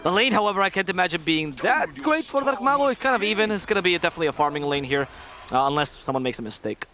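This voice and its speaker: A man commentating a live esports match at a brisk clip, his voice sitting a little high. He breaks down the play with a light, joking touch. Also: animated, pushed and bright, soft background music. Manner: fast, analytical, joking. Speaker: esports caster.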